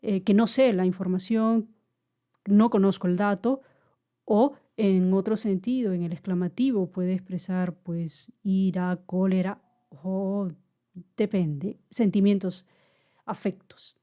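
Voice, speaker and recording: A woman giving a grammar lesson, explaining slowly and patiently and often repeating her key points. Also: mid-range voice, steady tone, mellow, highs cut off. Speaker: teacher.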